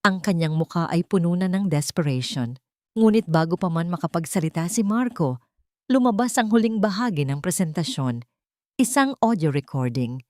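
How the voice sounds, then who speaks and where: A woman's voice: fairly low pitch, lively intonation, moderate pace, a little mellow, no echo, clean studio sound. A woman storyteller reading a scripted drama story with dramatic, emphatic delivery.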